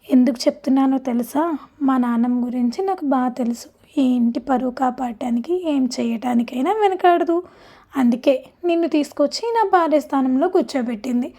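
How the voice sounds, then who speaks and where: A woman's voice: high-pitched, fairly quick, warm tone. A woman reading as a tender young husband. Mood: earnest.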